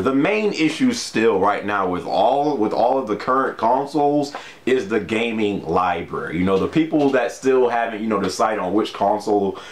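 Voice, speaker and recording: A man's voice: on the low side, roomy sound. A man vlogging casually about video games, chatting loosely with lots of fillers and frequent laughs. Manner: laid-back, laughs often, many fillers like "you know". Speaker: gaming vlogger. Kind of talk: casual talk to camera.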